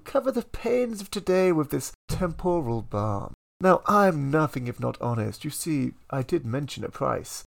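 A gravelly, theatrical salesman , as a poet puts him on, who coaxes and tempts his listeners with a showy pitch, his voice swinging up as he sells. He speaks with the polished flair of a spoken-word performance. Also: full character voice. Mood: coaxing. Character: smooth-talking male salesman pitching a seductive trip into the past.

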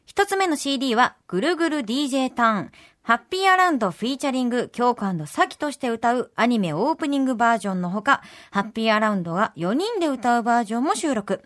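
A woman with a Kansai accent co-hosting a radio program, with a high, animated voice that swings widely in pitch. She reads announcements and chats at a quick clip. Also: no room sound, clean studio sound. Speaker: radio host. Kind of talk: radio show chat and announcements.

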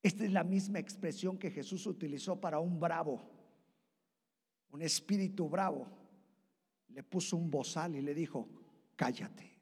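A male pastor preaching a sermon, leaping into loud high bursts and then dropping to a hush. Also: breathy edge. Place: church hall. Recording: long church reverb.

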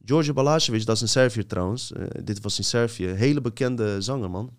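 A man's voice: lowish voice, a little fast. A man leading a casual conversation, talkative and steering the topic. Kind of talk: casual chat.

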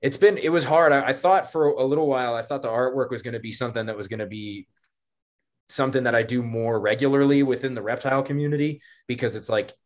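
A man's voice: medium pitch, quick pace. A young man co-hosting a casual podcast, rambling with fillers and laughs. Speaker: podcast co-host.

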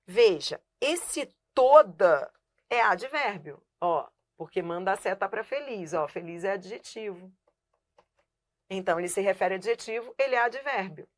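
A woman's voice: medium pitch, lively intonation, unhurried. A woman teaching a live online grammar class. She asks herself rhetorical questions, answers them at once, and keeps checking that the viewer is following while she writes on a board. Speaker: Portuguese teacher.

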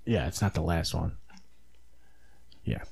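A man's voice: sits low, slow pace, gravelly, a little mellow, slightly rough. A man hosting a casual podcast chat with friends, easygoing and slangy, with some swearing.

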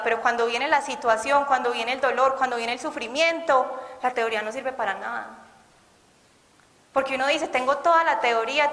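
A woman's voice: a little high, bright, forceful tone. A woman preaching an earnest sermon and asking her listeners questions. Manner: earnest, asks the audience questions. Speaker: lay preacher. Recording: long hall reverb.

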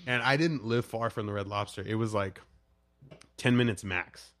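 A man's voice: on the low side, normal speed, no room sound. A young man co-hosting a podcast, telling a story in casual chat and laughing through it. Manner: laughs through his stories, profane and animated. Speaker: podcast co-host.

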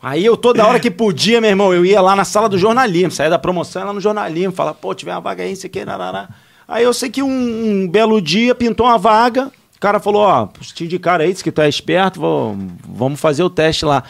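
A man, telling animated, slangy stories as a podcast guest. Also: sits high, quick pace, vocal fry. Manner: animated, slangy, laughing through anecdotes. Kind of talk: casual storytelling.

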